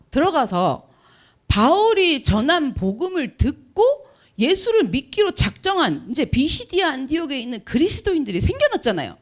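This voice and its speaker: A middle-aged woman pastor preaches in a very high voice that swoops up and down with lively expression. She is animated and slips into quick acted voices of the people she describes, breaking into laughter now and then. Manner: animated, acts out churchgoers' voices, laughs often. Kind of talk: sermon.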